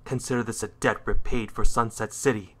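Casting: male actor for edgy cartoon hedgehog antihero, forceful and fairly low, curt, proud, menacing. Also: steady tone. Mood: dry, aloof. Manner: curt, scornful, deliberate delivery. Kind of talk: fan character voice reel, dramatic cartoon acting.

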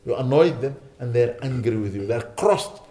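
A man's voice: medium pitch, expressive, normal speed, mellow. A man delivering a sermon as a sheikh, urging his listeners with repeated rhetorical questions. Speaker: sheikh giving a lecture. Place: lecture hall.

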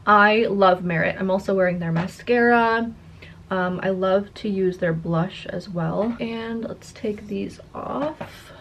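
A woman's voice: mid-range voice, slow, noisy background. A woman in her twenties with a slight lisp that makes her s sounds slushy, chatting casually to camera as a content creator. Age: 20s. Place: carpeted attic-style room indoors.

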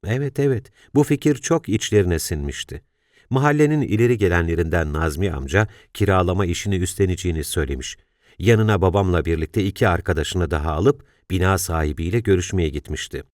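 A male audiobook narrator tells the story in a calm, measured way. His voice is very low and deep. The recording is dry and close, with no echo.

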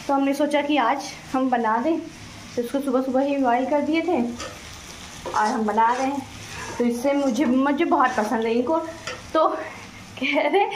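A woman in her thirties chatting away in a rambling, motherly way while cooking, filmed on a phone at arm's length in a small home kitchen. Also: high voice. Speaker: vlogger. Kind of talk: casual cooking vlog chat. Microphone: phone camera at arm's length. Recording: echoey kitchen, faint frying noise.

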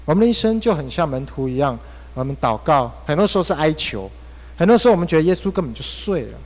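A male pastor with a Taiwanese Mandarin accent preaches a sermon in a church hall, telling a personal story full of emotional swings. His voice is on the high side and darkish, very animated and quick. The hall gives a long reverb.

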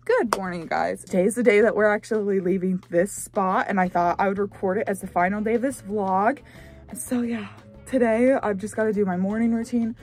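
A young woman talks straight to her phone camera in a loose, rambling vlog style, full of "like" and restarts. Her voice sits at an ordinary middle pitch for a woman. Soft music plays faintly behind her. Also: fairly even intonation, fairly quick. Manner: chatty, rambling, lots of "like" fillers. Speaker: vlogger. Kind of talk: casual vlog chat. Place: inside an RV.

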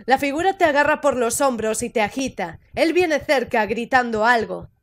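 A woman hosting a gaming video, reading a visual novel aloud and reacting excitedly with laughs, curses and bursts of English. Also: on the high side, moderate pace. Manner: excitable, laughs often, swears and switches into English. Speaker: gaming channel host. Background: faint game music.

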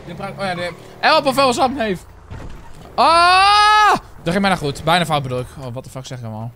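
A man's voice: high voice, animated, very fast, fairly bright tone, slight background noise. A young man in his twenties with a Netherlands Dutch accent, chatting casually and swearing as he streams a roleplay game to viewers. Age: 20s. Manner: chatty, slangy, swears often, talks to viewers.

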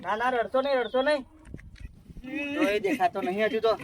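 A man's voice: high voice, animated, background noise. A man playing a frantic caretaker. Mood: coaxing. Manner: pleading, scolding and fast. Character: fretful village man, flustered caretaker. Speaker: villager comforting a crying old uncle.

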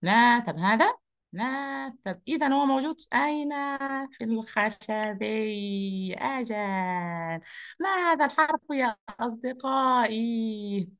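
A woman voicing a cheerful, energetic male rabbit who tells a story to children in an online lesson. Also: on the high side, takes it slowly. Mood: playful. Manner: lively, upbeat, speaks to children.

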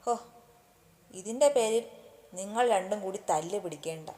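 A gentle young woman worker, quietly hurt and soft-spoken, from a read-aloud love story, voiced by a woman narrator. The tone is mellow and dark. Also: mid-range voice, normal speed, lightly acted. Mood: subdued.

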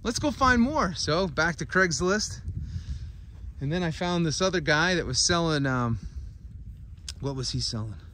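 A man with a slightly high voice rambles through a casual farm story, full of fillers and restarts. He is recorded outdoors on a handheld phone, with plain outdoor noise, geese and cattle behind him. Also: expressive, measured pace, sharp tone. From United States. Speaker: farmer and channel host. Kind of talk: casual walk-and-talk vlog.

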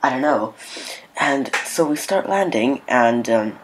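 A man's voice: medium pitch, expressive, slow, noisy background. A young man recounting a story in a loose, irritated vlog manner. He swears constantly and leans heavily on "like" and "you know" as fillers, keeping everything casual and unscripted. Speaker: vlogger.

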